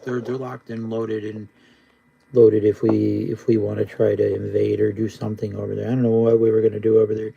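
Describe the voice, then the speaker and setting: A man's voice: fairly low pitch, level tone, fairly quick, creaky, breathy edge, muffled recording. A man live streaming casual, rambling chat in a laid-back stoner drawl, often repeating himself. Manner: repetitive, rambling.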